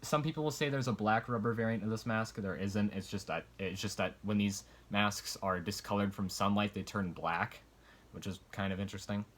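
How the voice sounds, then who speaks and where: Low-voiced man, casual rambling reviewer. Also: brisk, a bit bright. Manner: rambling, hesitant, hedging explanations. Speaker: collector reviewing military surplus gear. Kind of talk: casual unscripted show-and-tell review.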